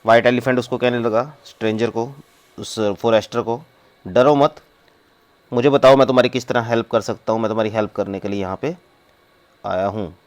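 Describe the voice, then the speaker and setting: A man, teaching a class by reading a story aloud slowly and explaining each line in Hindi. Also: medium pitch, fairly even intonation. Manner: reads English slowly, then explains in Hindi.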